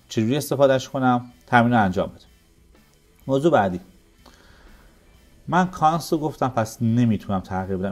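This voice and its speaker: A man teaching programming in a coding tutorial, explaining step by step and answering his own questions. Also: medium pitch. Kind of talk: screen-recorded coding tutorial.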